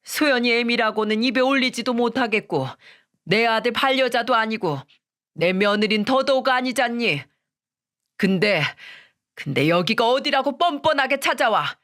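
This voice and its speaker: A woman's voice: a little high, moderate pace, fairly bright tone, voice pushed up, lightly acted. A stern older mother-in-law scolds in a firm, controlled voice, holding her anger down, as a woman acts her out. It sounds like a read-aloud radio story. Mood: stern scolding.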